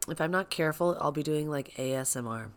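A young woman hosting her own podcast at home, chatting in an excitable, rambling way with lots of asides. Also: sits low, quick pace, a little hiss or hum. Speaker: podcast host. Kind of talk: casual solo podcast chat. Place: home, child playing upstairs. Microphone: sensitive podcast microphone.

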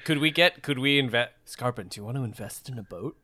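A man's voice: medium pitch, fast. A man playing a tabletop game with jokey, casual improvised banter. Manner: jokey, animated.

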